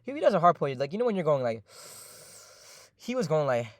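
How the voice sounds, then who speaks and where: A man's voice: a little high, big pitch swings, brisk, no echo. A young man casually telling a story about his job, rambling, slangy and profane, with lots of fillers. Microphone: voice-over.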